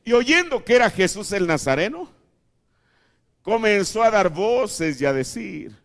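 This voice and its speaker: A male preacher giving a sermon in a church, dramatic, dropping to hushed asides and rising to shouts. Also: sits high, big pitch swings, measured pace, gravelly. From Mexico. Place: church tabernacle.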